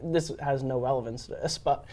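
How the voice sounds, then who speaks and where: A man's voice: medium pitch, normal speed, warm tone. A young man with a mid-range voice co-hosts a casual movie podcast. He explains his points in a loose, rambling way, full of fillers and restarts. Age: young adult. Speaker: podcast co-host. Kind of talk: casual chat.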